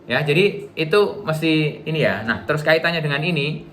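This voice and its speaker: A man's voice: a little high, brisk, fairly bright tone, a little hiss or hum. A middle-aged man giving a relationship seminar to a live audience in a casual, chatty way, acting out little dialogues. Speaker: workshop trainer.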